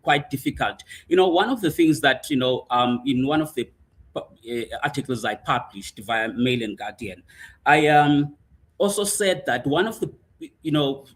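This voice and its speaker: A man's voice: medium pitch, normal speed. A man from South Africa, an executive coach and the guest, talking in a casual interview with many fillers and hesitations.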